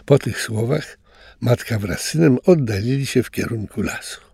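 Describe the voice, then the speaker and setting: A man reading a children's story aloud, calm and animated, doing voices for the characters. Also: mid-range voice, normal speed, vocal fry, breathy edge, no room sound.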